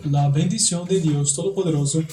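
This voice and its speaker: A man, a priest, leads the closing prayers and blessing slowly and deliberately, his voice ringing in an echoey church. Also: on the high side, very noisy. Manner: slow, measured, deliberate.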